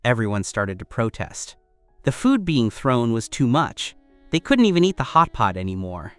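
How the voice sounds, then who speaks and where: A man narrating a story recap in first person, in a steady scripted storytelling read. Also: medium pitch, moderate pace, clear, resonant tone, dry recording, soft background music.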